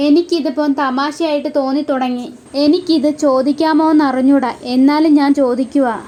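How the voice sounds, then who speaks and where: A woman's voice: high voice, a little mellow, lightly acted. A woman reading the part of an earnest young man who keeps urging a close friend and argues his case persuasively.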